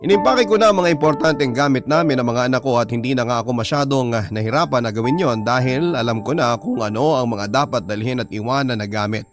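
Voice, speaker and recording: A man with a Filipino accent narrates a personal drama in the first person, like a storyteller reading a letter. His mid-range voice moves fast with few pauses, over a prominent music bed.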